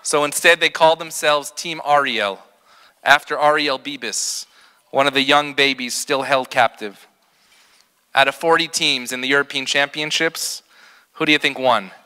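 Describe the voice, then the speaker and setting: A middle-aged man, a rabbi, giving a prepared ceremony speech at a podium, telling stories with slowed, emphatic pauses. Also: mid-range voice, fairly even intonation, sharp tone, clean tone. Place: large hall with balloon decor. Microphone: podium microphone. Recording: long hall reverb.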